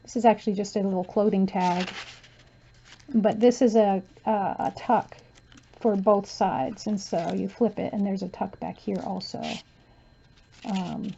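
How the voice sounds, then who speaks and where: A mellow, gravelly woman talks softly and easily as she flips through her journal, often saying "um" and "uh." She's losing her voice and clearing her throat, at medium pitch, and the lo-fi recording carries a slight hiss or hum.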